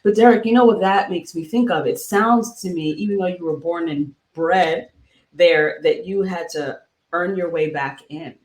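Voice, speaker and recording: A woman who co-hosts a podcast and works as a real estate agent talks thoughtfully and conversationally through practical questions about where to settle; she moved to Boston. Her lowish voice is a little mellow and moves at a moderate pace, with a roomy sound.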